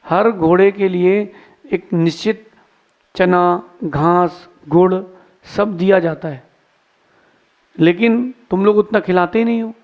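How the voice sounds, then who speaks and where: A monk delivers a sermon, telling stories and drawing morals from them in a folksy way. His voice sits high for a man and has a gravelly edge. The recording sounds slightly dull and lo-fi. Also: slow, pauses often. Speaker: Jain monk preacher. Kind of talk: sermon with storytelling.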